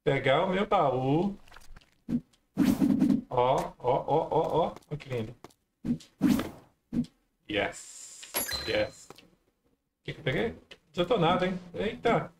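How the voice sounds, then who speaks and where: Slightly high and animated, this streamer's voice moves a little slowly, with long pauses and slight background noise. He offers relaxed let's-play commentary on his own gameplay, talking to viewers and letting out frequent exclamations.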